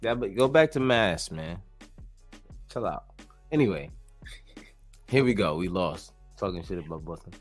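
A man co-hosting a casual basketball podcast, animated and slangy, laughing often. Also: deep voice, moderate pace, long pauses, soft background music. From New York area. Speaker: podcast co-host. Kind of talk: casual sports chat.

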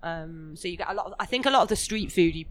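A woman's voice: lowish voice, lively intonation, fast talker, a bit bright. A woman with a Birmingham accent and a cold, chatting casually in a talkative, self-deprecating way as a food blogger. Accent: Birmingham (Brummie). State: has a cold. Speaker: food blogger, interview guest. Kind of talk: casual chat.

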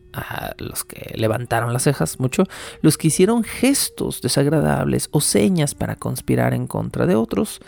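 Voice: mid-range voice, creaky, a little mellow. A speaker giving a casual, wry, digressive lecture that retells an old text and keeps explaining asides.

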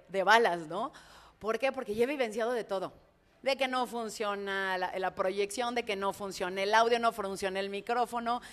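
A woman with a Mexican accent, a public speaker and announcer, telling anecdotes in a lively, colloquial, frank way in conversation. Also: medium pitch. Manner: expressive, imitates heartbeats and screams. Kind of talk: animated storytelling in conversation.

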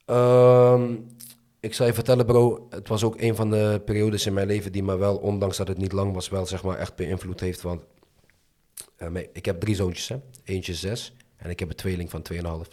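A man's voice: deep voice, little pitch movement, normal speed, mellow. A young man speaking in casual Dutch street slang, chatting candidly as an interview guest. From moved to the Netherlands from abroad as a child.

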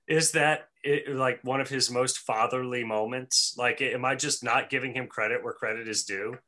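Bright-voiced chatty man. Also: mid-range voice, steady tone, measured pace. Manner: loose and chatty, with fillers and laughter. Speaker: podcast co-host recapping a cartoon episode. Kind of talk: casual chat.

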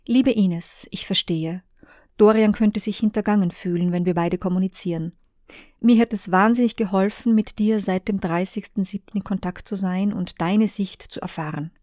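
A woman reading the messages of a married woman, soft and reflective. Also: mid-range voice, normal speed, no echo, clean studio sound, lightly acted. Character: Kaja, a searching married woman.

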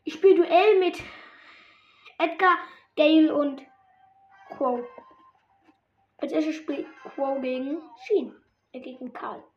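A woman giving excited gameplay commentary, reacting loudly to each moment of the match. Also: sits high, slow pace, pauses often, lo-fi sound, soft background music. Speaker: gamer.

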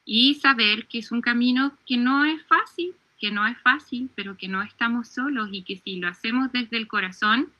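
A woman, earnestly telling a devotional story in conversation, often pausing and restarting. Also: fairly high pitch, sharp tone, lo-fi sound. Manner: earnest, with frequent hesitations and restarts.

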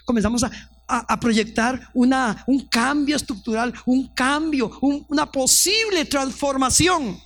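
A high-voiced, middle-aged woman pastor preaches her testimony with fervor. She acts out the people in her stories as she goes. The sound is dry and close. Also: a little slow, fairly bright tone, no echo. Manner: fervent storytelling, acts out quoted voices. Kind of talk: testimony sermon.

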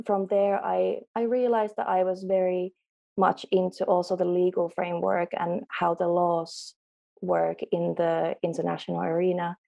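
The guest in this casual remote interview is a young law student from Finland, a native Finnish speaker who hesitates often and says um a lot. She has a fairly low, warm voice with vocal fry, recorded with lo-fi sound.

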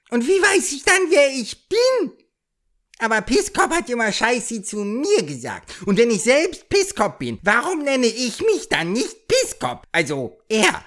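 A woman voicing a dim-witted, cheerful male squirrel in an audio story, talking in a slow, confused, rambling way. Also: fairly bright tone, full character voice. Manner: confused, slow and rambling, wildly swooping pitch. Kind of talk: audio story character acting.

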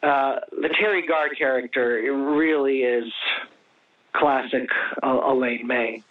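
A man's voice: medium pitch, steady tone, a little slow. A male author, interviewed over the phone from home, speaking with enthusiasm but hesitating with many ums. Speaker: author guest. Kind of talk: casual interview chat. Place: home in Los Angeles. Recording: distant tinny phone line.

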